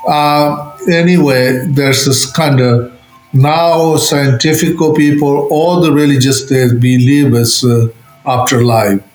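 A man giving spiritual teaching as an interview guest, speaking halting non-native English. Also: mid-range voice, steady tone, darkish tone, soft background music. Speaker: interview guest, Buddhist lama and author. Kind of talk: explanatory spiritual teaching in conversation. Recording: roomy, echoing space.

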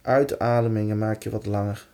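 A man guiding a breathing and body-awareness exercise in a calm, reassuring way, leaving pauses between short instructions. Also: on the low side. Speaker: relaxation and breathwork guide.

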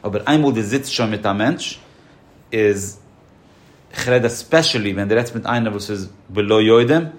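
A man's voice: on the low side, moderate pace. A man as a podcast guest giving insurance advice, emphatic and explaining through examples. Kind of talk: casual podcast conversation.

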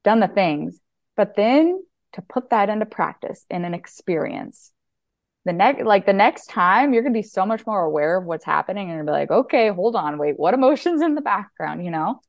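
A woman's voice: mid-range voice, moderate pace, dry recording, studio quality. A woman health and nutrition coach, a guest chatting casually and easily in an interview, with plenty of fillers. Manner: relaxed, chatty, filler-heavy.

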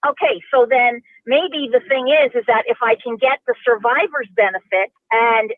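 A woman's voice: fairly high pitch, normal speed, dry recording. A woman in her sixties calling in to a talk show, rambling and restarting her questions as she asks them. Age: 60s. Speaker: caller. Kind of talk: call-in question. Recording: tinny phone line.

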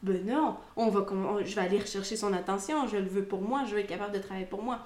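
A woman voicing the inner thoughts of an attention-seeking pet dog, talking in a soft, insistent way. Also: medium pitch, fast, close to an everyday voice. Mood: demanding. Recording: roomy echoey room.

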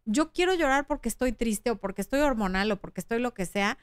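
A woman's voice: a little high, animated, a little fast, clean tone, no room sound, clean studio sound. A woman in her thirties with a Mexican Spanish accent, hosting a frank, chatty relationship advice talk and reading out viewer comments. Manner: frank, chatty, acts out quoted voices.

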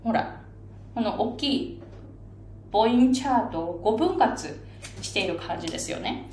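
A woman pronunciation coach explaining a chart in a patient, lively way, with many fillers and English phrases dropped into her talk. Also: a little high, a little slow. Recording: echoey room, faint background noise.

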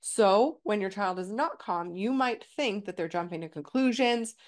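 A woman's voice: mid-range voice, lively intonation, normal speed. A woman hosting a parenting podcast, explaining in a casual teaching way with many "right?" check-ins, her voice stuffy and nasal from a cold.

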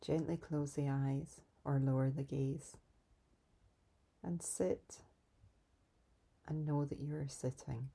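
Woman meditation guide, calm grounding exercise, soft soothing delivery, mellow tone, creaky low endings. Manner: calm, soothing, unhurried instruction with pauses.

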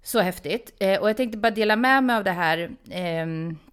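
A woman co-hosting a podcast, chatting casually and reading out a listener's message with lively warmth. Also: medium pitch, clean tone. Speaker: podcast co-host. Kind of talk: casual chat.

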